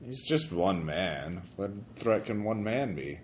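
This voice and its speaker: A man's voice: low-pitched, sing-song, takes it slowly, a little hiss or hum, pitched below the performer's own voice, exaggerated voice. A man voicing a pompous, smugly dismissive wealthy lord with a British accent in a tabletop game.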